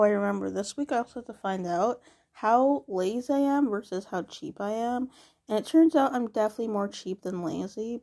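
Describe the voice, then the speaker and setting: Gravelly young woman rambling casually. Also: mid-range voice, darkish tone. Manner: rambling, full of "like" fillers and swearing. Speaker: vlogger. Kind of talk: casual rambling diary monologue.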